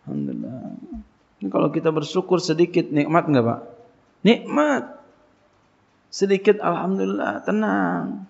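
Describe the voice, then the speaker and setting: This pesantren teacher's voice is high, gravelly and sing-song, moving at normal speed with long pauses as he delivers a casual religious talk. He asks his listeners questions and answers them colloquially, call-and-response fashion, on a dull lo-fi recording.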